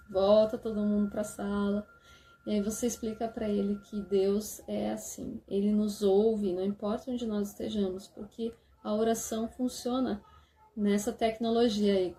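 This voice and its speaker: A woman gently explaining church lessons for parents to teach their children, often checking in with a soft "né?". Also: medium pitch. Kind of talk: casual instructional talk.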